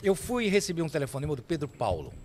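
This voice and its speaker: Guy talking fast on a podcast, swears a lot, actor, lively pitch, bit of music under it. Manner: animated, swears often, demonstrates soft whispered acting lines. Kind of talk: casual podcast chat.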